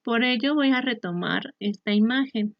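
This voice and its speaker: A woman teacher explaining a lesson in a clear, measured way, sometimes restarting a phrase. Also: a little high, no room sound. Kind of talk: recorded online lesson. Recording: dry, slightly muffled recording.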